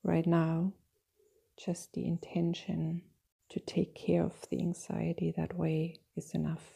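A woman guiding a meditation in a slow, soft and soothing manner, with long pauses. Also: on the low side, monotone, vocal fry, breathy edge. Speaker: meditation guide. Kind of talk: guided meditation.

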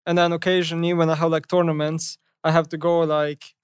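A man's voice: a little high, flat delivery, brisk, clean tone, no room sound, clean studio sound. A young man from Slovenia with a Slovenian accent, a gamer guest chatting casually in a blunt, nonchalant way. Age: young adult. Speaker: esports pro gamer guest. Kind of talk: casual interview chat.

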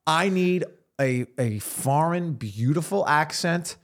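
A man's voice: on the high side, slow, vocal fry. A man co-hosting a podcast, joking in casual chat. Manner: animated, jokey. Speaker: podcast co-host.

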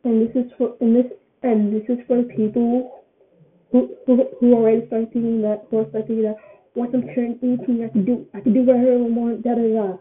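An eighteen-year-old woman shares her views in a loose, casual vlog. She rambles and circles back over the same phrases, in a voice pitched a little high. The audio is thin and tinny, like a phone line. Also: level tone, a little fast. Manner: rambling, repeats phrases often.

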